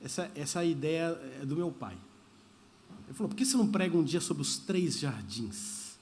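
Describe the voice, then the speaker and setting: A man's voice: on the high side, lively intonation, moderate pace, a little mellow, slight background noise. A man preaching a sermon as pastor, talking in a conversational way and slipping into Spanish phrases. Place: church service.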